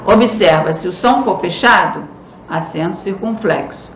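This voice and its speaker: Speaking a little slowly in a low voice, a Brazilian teacher with a Brazilian Portuguese accent walks through a recorded school lesson with patience, emphasizing key words. The room echoes and carries faint noise.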